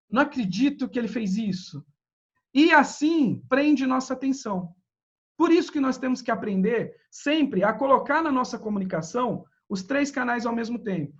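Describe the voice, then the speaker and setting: High-voiced Brazilian man lecturing online. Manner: lively, addresses audience directly, acts out quoted dialogue. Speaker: public speaking lecturer. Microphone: video call. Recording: dull lo-fi video call audio.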